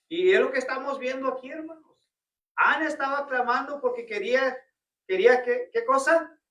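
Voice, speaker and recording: Leading a Bible study in a church, a man with a very high, bright voice keeps questioning the congregation and repeatedly calls them "hermanos." He speaks at a moderate pace with long pauses, picked up from a distance in a roomy, echoing hall.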